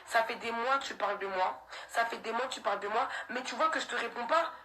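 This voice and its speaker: A woman's voice: a little high, fast talker, sharp tone, rough recording. A young woman, speaking on a live stream in a defiant, slangy rant that keeps circling back on itself, laughs breaking in. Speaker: livestreamer addressing her followers.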